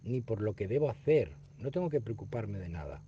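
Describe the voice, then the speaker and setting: A man, reading a spiritual text aloud and explaining it in an unhurried, reflective way that repeats phrases. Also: on the low side, very animated, mellow, slight background noise. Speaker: spiritual study teacher. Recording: dull lo-fi recording.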